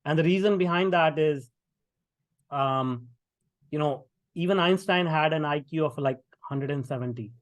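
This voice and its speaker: A middle-aged tech founder from India, speaking Indian-accented English, is a guest on a podcast interview, talking conversationally with lots of fillers and restarts. His voice is on the high side at a normal speed, recorded without echo.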